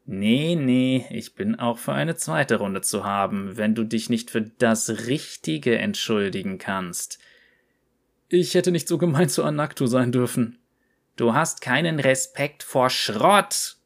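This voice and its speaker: A man voicing a small, grumpy old yordle mech pilot, gruff and boastful, in a storybook reading. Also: medium pitch, animated, takes it slowly, heavily acted. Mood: scolding.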